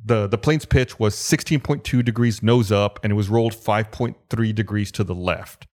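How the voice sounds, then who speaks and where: Low-voiced man explaining a case methodically. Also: moderate pace. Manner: methodical, explanatory, steady retelling. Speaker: podcast co-host presenting the case. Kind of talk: casual podcast chat, narrating an aviation accident.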